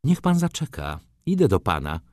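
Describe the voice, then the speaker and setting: Storybook noblewoman, young, poised and imperious, put on by a male reader, lifted higher than his own voice, dry close sound. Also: big pitch swings, a little slow, darkish tone, no room sound. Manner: commanding, lightly condescending.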